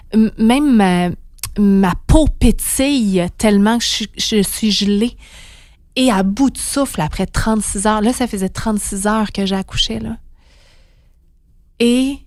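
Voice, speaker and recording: A woman's voice: a little high, no room sound, clean studio sound. Emotional Quebec French woman storyteller. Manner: emotional, vivid storytelling, acting out her own cries. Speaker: guest. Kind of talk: personal birth story in a podcast interview.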